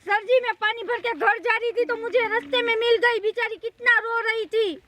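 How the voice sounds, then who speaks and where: A woman playing a village woman in a rural comedy sketch, calling out loudly and dramatically. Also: very high voice, fairly even intonation, normal speed, no room sound.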